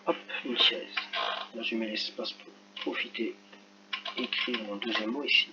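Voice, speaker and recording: A male teacher correcting a reading exercise for children, talking slowly and carefully and spelling out each sound as he works. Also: lowish voice, fairly even intonation, highs cut off, heavy background noise. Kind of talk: screen-recorded lesson correction.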